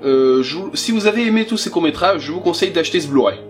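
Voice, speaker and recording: Chatty man, slightly high voice. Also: expressive, fast talker, faint music behind. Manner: enthusiastic, chatty, with fillers; self-conscious about his English pronunciation. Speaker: collector presenting his DVD collection. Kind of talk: casual presentation.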